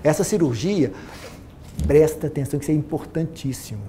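A man in his forties with a Minas Gerais accent, a plastic surgeon giving an animated seminar talk to a large audience on a lapel mic, repeating phrases for emphasis. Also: fairly high pitch, fairly quick, a little hiss or hum. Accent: Brazilian Portuguese, Minas Gerais. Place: auditorium stage with a large audience.

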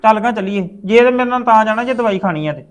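A man playing a caring widowed father who talks to his daughter in a gentle, coaxing way in a web series drama. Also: high-pitched, expressive, quick pace, faint music behind.

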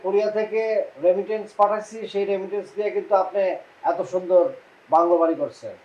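A man's voice: sits high, fast talker, darkish tone, lightly acted. An actor playing a resentful son-in-law, grumbling at his in-laws, in a TV comedy drama. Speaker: son-in-law back from abroad. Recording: dull lo-fi sound, faint noise.

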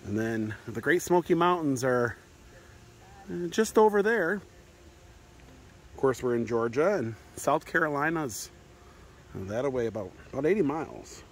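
A middle-aged American man narrates as a travel vlogger in an easygoing, casual walkthrough, adding short musing asides. His medium-pitched voice swings widely in pitch at a measured pace, with frequent pauses. He's outdoors at a mountain garden and in narrow rock crevices, recording on a phone held at arm's length or in hand.

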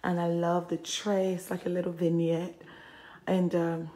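Speaking softly and keeping her voice low, a woman gives a casual, chatty tour of a furnished model home, gushing with admiration as she walks from room to room. She films on a handheld phone or camera, and her tone stays level at a slightly slow pace.

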